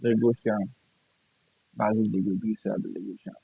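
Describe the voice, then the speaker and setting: Gravelly low-voiced Nigerian man. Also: little pitch movement, brisk, warm tone. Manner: blunt, profane, repeats himself. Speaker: gaming streamer. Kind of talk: casual ranting chat. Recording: dull lo-fi dry sound.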